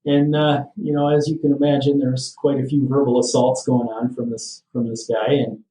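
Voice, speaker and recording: A man's voice: medium pitch, flat delivery, normal speed, mellow, slight background noise. A man in a casual podcast interview, talking in an easygoing, matter-of-fact way with lots of "you know". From Michigan. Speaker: sheriff's office captain, guest. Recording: roomy, distant from the mic.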